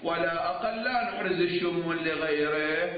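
A man's voice: on the high side, moderate pace, a crowd in the background. A man teaching religious law in a lecture, with a chanting sing-song cadence, rhetorical questions. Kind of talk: classroom lecture on jurisprudence. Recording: tinny, echoey, distant lo-fi lecture recording.

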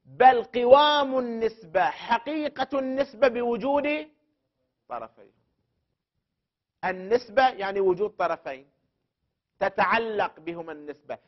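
A man teaching a classroom lesson on legal theory. He builds the argument step by step, repeats key terms for emphasis and puts questions to the student. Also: high voice. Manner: addresses the student directly and poses questions. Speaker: teacher of jurisprudence principles. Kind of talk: classroom lecture. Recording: dull lo-fi recording.

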